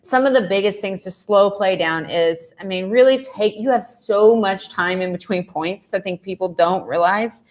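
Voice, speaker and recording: A woman's voice: medium pitch, moderate pace, few pauses. A woman tennis coach explaining match strategy in a casual live panel chat, with lots of "um" and "like". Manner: explanatory, many fillers like um and like.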